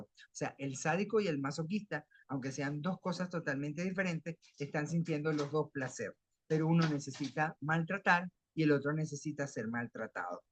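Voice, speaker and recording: A man's voice: a little high, dry recording. A middle-aged man with a Venezuelan accent giving a lecture, explaining with everyday examples and often restarting his phrases. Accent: Venezuelan Spanish. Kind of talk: academic lecture.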